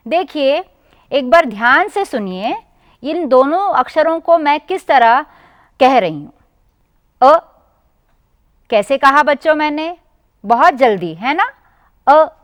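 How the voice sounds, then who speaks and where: A woman teacher with an Indian Hindi accent giving a televised lesson to children, drawing out each sound slowly and asking them questions. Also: high-pitched, big pitch swings, fairly bright tone, dry recording. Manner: slow, drawn-out pronunciation, addressing children directly. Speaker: primary school teacher.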